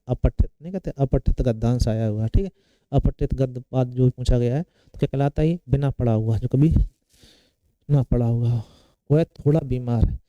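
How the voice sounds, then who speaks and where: Male coaching teacher, deep warm tone, dry close recording, repetitive question-and-answer drilling. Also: clean tone, dry recording, muffled recording. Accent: Hindi. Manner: asks a question then answers it himself, repeating key words. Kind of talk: exam-prep Hindi lecture.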